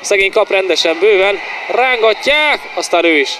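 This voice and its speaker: A man giving excited, partisan live football commentary in short exclamations and repeated player names, as a home-side commentator. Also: fairly high pitch. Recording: noisy outdoor stadium sound.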